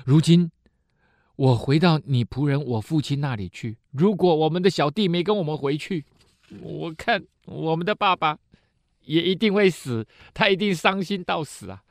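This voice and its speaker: A man's voice: on the high side, lively intonation, normal speed, no echo, pitched above the performer's own voice. A man doing a desperate elder brother in a retold story, begging with a raised, strained voice, humble and earnest. The sound is close and dry, with almost no room around it.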